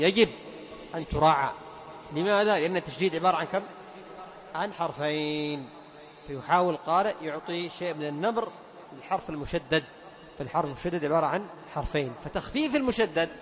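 A man's voice: a little high, animated, fairly quick, pauses often. A man teaching Quran recitation rules to a class. He quizzes his students and repeats the key points. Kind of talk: classroom lesson with questions to students.

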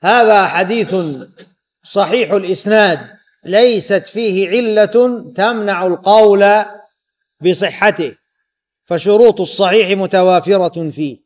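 A man giving an Islamic lesson explaining a hadith, repeating key words and pausing to quiz his students. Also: high-pitched. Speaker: hadith teacher.

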